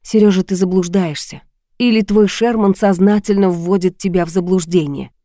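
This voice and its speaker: A woman voicing a weary, frightened young widow, tired and restrained in a dark, mellow voice. The sound is dry and close. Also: medium pitch, fairly even intonation, normal speed, dry recording, lightly acted. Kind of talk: audiobook reading.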